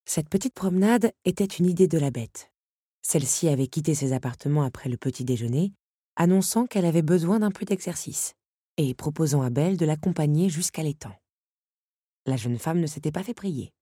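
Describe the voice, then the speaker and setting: A woman narrates a storybook in a low, measured voice. Her tone has a husky grain. The recording is dry, with no room echo around her. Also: lively intonation, mellow. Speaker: audiobook narrator. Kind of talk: scripted narration.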